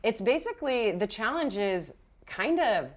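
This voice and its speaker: This woman narrates as a roleplaying game's game master in an unhurried voice that sits on the high side and swings widely in pitch. She stays casual and encouraging, improvising conversationally.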